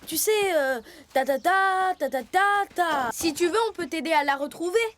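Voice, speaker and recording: A woman voicing a friendly, impulsive little animal kid in a children's cartoon, chirpy and excitable. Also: very high-pitched, moderate pace. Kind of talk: French children's cartoon voice acting. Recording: music under the voice.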